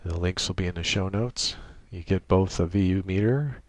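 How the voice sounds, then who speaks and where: A low-pitched man presents an unscripted software tutorial, methodical and technical in approach, with halting phrasing. He's close on a USB microphone, and there's no echo.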